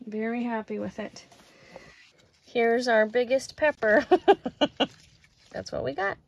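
A woman's voice: fairly high pitch, takes it slowly, vocal fry, muffled recording. A woman filming a casual garden tour on her phone outdoors, chatty and cheerful, exclaiming over her plants. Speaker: homesteading vlogger.

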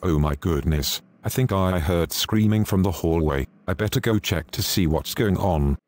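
A stern male schoolteacher in a simple animated cartoon, voiced by a man. The voice is very deep, with a flat, synthetic delivery. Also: normal speed, a little hiss or hum, natural voice. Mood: scolding.

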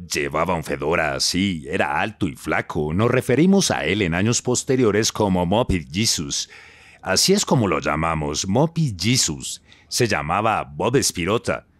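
Brief: older male interviewee, very low voice, lively swings in pitch, blunt storyteller, dry sound. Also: dry recording. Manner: blunt, crude anecdotes with quoted dialogue.

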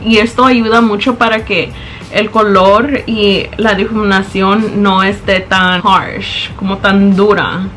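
Taking it slowly, a young woman explains each step of a makeup tutorial in chatty Spanish with English words slipping in, speaking to a camera close in front of her in her small bedroom. This beauty vlogger has a mid-range, fairly bright voice with a steady tone, plus a little hiss or hum.

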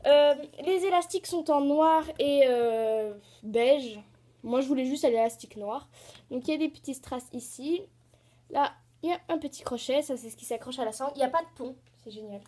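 A high-pitched teenage girl talks in a casual show-and-tell vlog, her voice mellow rather than bright. She rambles and gushes, stopping often with hesitations and little fillers. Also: moderate pace. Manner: chatty and rambling, full of "voilà" and hesitations; excited, gushing. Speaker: horse-riding vlogger.

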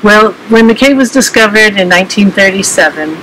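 A middle-aged man with a high voice answers casually as a park guide. He is hesitant and modest, pausing mid-phrase, recorded at a distance outdoors with clear ambient noise. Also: expressive, sharp tone. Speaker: park cave guide being interviewed. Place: outdoors beside a wooded retaining wall. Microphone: camera several meters away.

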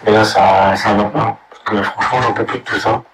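A man with a hoarse, sick-sounding voice vents angrily in a crude, halting rant, full of hesitations. He keeps an unvarying, flat tone throughout. The recording carries a clear layer of noise behind him. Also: lowish voice. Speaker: gamer ranting to viewers. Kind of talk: angry video rant.

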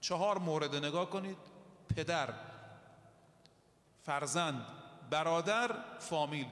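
A male preacher delivers a storytelling sermon in a high voice, slowing down to stress key words and reciting Arabic verses. His voice rings out across a large hall. The sound is roomy, with a long reverb tail. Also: a bit bright. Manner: slow deliberate emphasis, recites Arabic verses.

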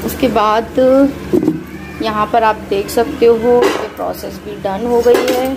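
A woman in her thirties chats through a cooking vlog in her home kitchen, explaining every step as she goes while hot and sweating. Her slightly high voice is slow and steady. The recording is very noisy.

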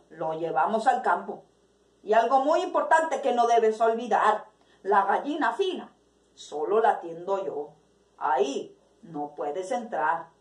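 Excitable kindly farmer, put on by a woman: high, unhurried, gushing exclamations, echoey room. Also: distant mic. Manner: drawn-out, exclamatory, fond. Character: excitable kindly male farmer, middle-aged.

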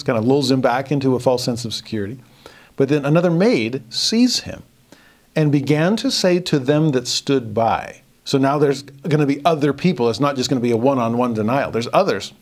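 A man giving a verse-by-verse scripture lesson, reading verses slowly and acting out the characters' thoughts. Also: mid-range voice, a little mellow. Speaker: scripture teacher.

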